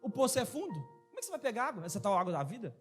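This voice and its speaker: An outraged, scornful woman with a high, raised voice and sharp, exaggerated indignation, as a male preacher puts her on mid-sermon. Faint instrumental music plays behind her. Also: very animated, rapid-fire. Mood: scolding. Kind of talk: acted quote within a sermon.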